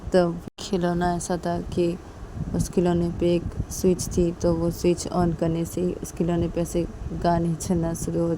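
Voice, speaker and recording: Low-voiced woman rambling through a story. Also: noisy background. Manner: rambling, repetitive linking words. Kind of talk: casual spoken story narration.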